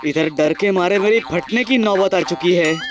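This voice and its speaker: A man's voice: high voice, normal speed, music in the background, natural voice. A man voicing a jumpy, cowardly young cartoon character who stammers in panic. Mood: scared.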